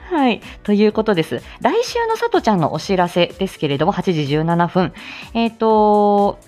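Her voice is darkish and medium in pitch, and she laughs a lot while speaking. She's the host of a casual live audio show, talking with listeners and saying hello to them.

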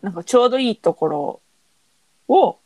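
A woman with a Kansai accent co-hosting a podcast in casual chat, working through an idea with many fillers and pauses. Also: mid-range voice, lively intonation, gravelly, a little mellow, dry recording. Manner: thoughtful, searching for words with many fillers. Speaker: podcast co-host.

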